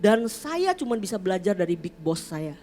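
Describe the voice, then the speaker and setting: A woman's voice: medium pitch, sing-song, normal speed, darkish tone. A woman pastor preaching a sermon in a chatty storytelling way, slipping into playful slang. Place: church.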